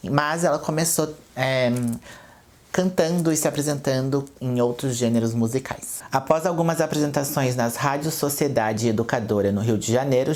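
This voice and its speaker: A man with a Brazilian accent talks to his viewers as the host of his own channel, telling a biography in an easygoing, conversational way. He moves between reading polished passages and retelling loosely, often pausing on hesitant filler sounds. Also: medium pitch, a little mellow. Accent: Brazilian Portuguese. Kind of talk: casual educational storytelling.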